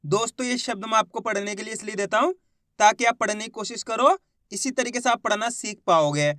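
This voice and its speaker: A man teaching Hindi reading in a slow step-by-step lesson, patiently repeating each word and sounding out syllables. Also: high-pitched, pushed and bright, no echo, studio quality.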